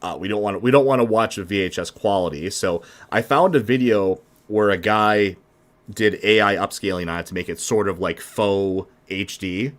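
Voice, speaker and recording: A man's voice: on the low side, moderate pace. A man hosting a casual reaction chat, rambling and laughing often. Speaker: host.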